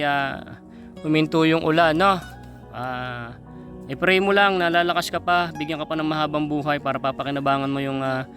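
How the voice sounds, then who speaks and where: A man from the Philippines vlogging outdoors on a mountain, talking haltingly with many fillers and coaxing an old man. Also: fairly high pitch, fairly bright tone. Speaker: charity vlogger. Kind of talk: casual vlog talk to camera and an old man. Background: guitar music.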